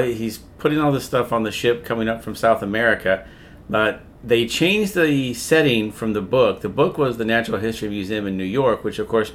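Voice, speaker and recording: A man's voice: on the low side, a bit bright. A man co-hosting a casual podcast, retelling a movie plot in a loose, profane way. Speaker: podcast co-host.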